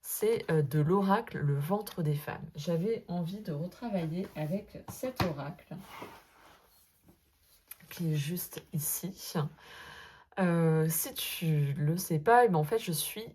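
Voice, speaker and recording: A woman talking casually to her viewers about her tarot cards, full of hesitant fillers and gentle asides. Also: on the low side, takes it slowly, breathy edge. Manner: hesitant, many filler euhs, gentle and self-deprecating. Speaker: sophrologist and tarot vlogger. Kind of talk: casual spoken vlog, addressing viewer as tu.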